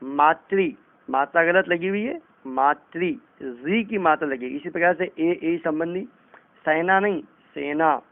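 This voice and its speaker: A man's voice: a little high, moderate pace. A man teaching a language lesson, pronouncing each sound with care as he contrasts wrong and right forms. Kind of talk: slow, deliberate classroom lesson. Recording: tinny, phone-like narrow sound.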